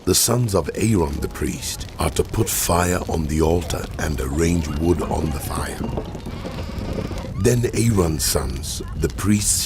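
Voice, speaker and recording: A man voicing a solemn, commanding God in a dramatized Bible reading, speaking in measured, declarative biblical narration. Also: deep voice. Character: God, solemn commanding male deity giving laws. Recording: music behind the voice. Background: background music.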